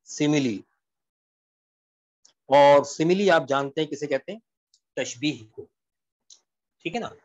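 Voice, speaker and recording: A man giving a poetry lesson, explaining slowly and repeating key lines while switching between Hindi-Urdu and English. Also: on the high side, highs cut off. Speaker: English literature teacher. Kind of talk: classroom-style poetry lecture.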